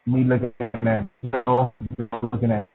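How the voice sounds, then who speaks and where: A man's voice: medium pitch, flat delivery, slow pace, dry recording. A man calling into a group chat over a call connection that keeps breaking up and cutting out, talking in an upbeat, folksy way. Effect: breaking-up call connection, audio cutting out. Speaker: real estate agent calling into a group call. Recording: choppy tinny phone line with faint noise.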